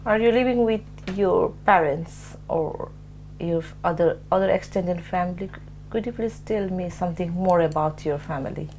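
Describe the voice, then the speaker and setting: A woman's voice: on the low side, moderate pace, a little mellow, a little hiss or hum. A woman interviewing for an oral history, asking plain questions with some non-native phrasing.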